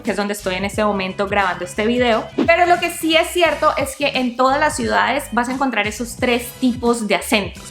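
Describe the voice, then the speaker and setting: Woman, Colombian accent from Cali, lively vlog host, higher voice, faint music behind. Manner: lively, chatty, expressive. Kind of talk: casual explainer vlog.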